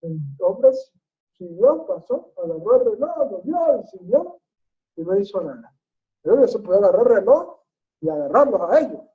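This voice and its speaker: A Torah teacher telling a story in a sermon, animated and repeating phrases in a rhythmic way. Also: mid-range voice, moderate pace. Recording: tinny phone-like sound.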